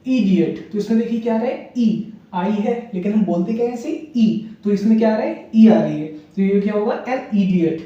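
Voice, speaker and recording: His voice sitting high and his speed normal, a male English teacher explains grammar examples through repeated rounds of question and answer. The recording is distant, echoey and dull.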